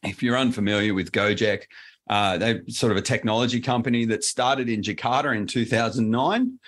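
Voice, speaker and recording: Here a presales solution architect with an Australian accent answers interview questions casually, talking about technology. The voice is mid-range, a little bright, at a moderate pace, and the delivery wanders, packed with fillers and restarts.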